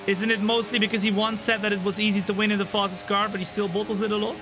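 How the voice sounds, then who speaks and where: At a quick pace, this twenties sim racing streamer narrates his race and talks with viewers. Race moments make him excitable, his voice shooting up high, while the chatter in between is relaxed, with car engines and game music behind.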